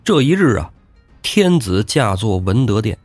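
A man's voice: lowish voice, big pitch swings, unhurried, darkish tone, no echo, soft background music. A man telling a classic tale comically, with playful, chatty asides. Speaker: storyteller host. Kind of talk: comic oral storytelling.

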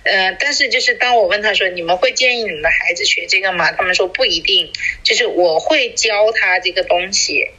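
A woman's voice: medium pitch, a little fast, sharp tone, low-quality recording. A woman in her forties chatting casually as a podcast co-host, rambling with many fillers and restarts. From small city in China. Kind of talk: casual chat.

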